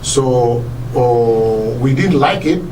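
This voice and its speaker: A man's voice: mid-range voice, expressive, drawn-out words. A man with a Kenyan Luo accent answering as a political interview guest, switching languages, hesitating and repeating phrases. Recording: distant mic, clearly noisy background.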